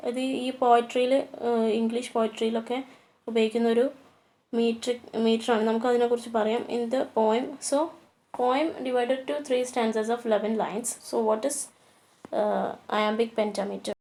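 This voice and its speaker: A woman gives a poetry lecture. Her voice sits a little high, and her delivery is slow overall. She reads the English lines deliberately and hesitates over her explanations. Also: flat delivery, gravelly, warm tone. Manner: hesitant, with many fillers. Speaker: teacher.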